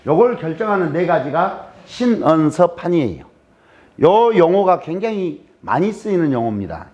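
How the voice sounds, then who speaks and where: High, lively Jeolla-accented male lecturer. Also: moderate pace. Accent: Jeolla Korean. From Jeolla, South Korea. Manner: joking, teasing, fires rhetorical questions at the audience. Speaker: guest lecturer. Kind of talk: humorous lecture to a live audience. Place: lecture room. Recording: dull lo-fi recording.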